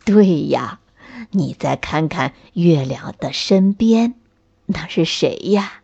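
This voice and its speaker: A woman voicing a kind, wise old grandfather tree who speaks slowly and soothingly in a lowered voice. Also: lively intonation, creaky, husky, dull audio, exaggerated voice. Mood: gentle. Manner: slow, low, soothing, laughing warmly.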